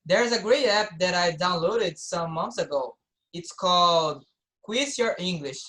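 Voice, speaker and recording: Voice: medium pitch, animated, a little slow, sharp tone, poor audio. A speaker of non-native English chatting casually on a group live stream, explaining and often repeating the start of a phrase. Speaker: participant in an online English-practice meeting. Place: online group call.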